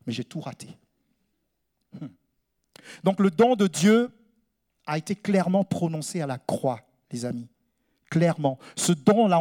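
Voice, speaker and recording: A high-pitched man delivers a sermon to a congregation. He asks questions and repeats refrains. His voice sinks to quiet, low phrases and then rises into raised, near-sung lines. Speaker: preacher.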